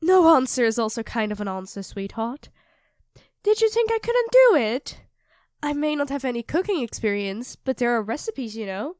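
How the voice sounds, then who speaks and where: This ASMR-style roleplay audio drama features a woman as an affectionate young live-in girlfriend cooking dinner, teasing her partner in a playful, expressive way. Her voice is high and close-miked, dry with no room sound, and she talks at a normal speed.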